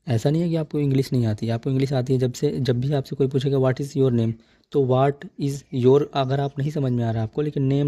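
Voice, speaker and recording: A male English teacher giving a spoken lesson, slowly repeating phrases for practice in an encouraging tone. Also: medium pitch, dark tone, no room sound. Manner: encouraging, coaxing tone.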